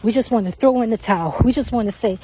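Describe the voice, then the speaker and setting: A woman's voice: a little high, quick pace, dark tone, breathy edge. A woman podcast host, out of breath from walking outdoors on a track, giving casual, repetitive faith encouragement. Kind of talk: faith-based encouragement talk.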